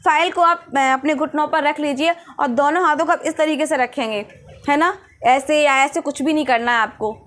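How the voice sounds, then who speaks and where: A woman's voice: high-pitched, normal speed, a bit bright. A young woman vlogger giving earnest, coaching advice on interview preparation in a casual way. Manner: earnest, coaching, often asks "है ना?".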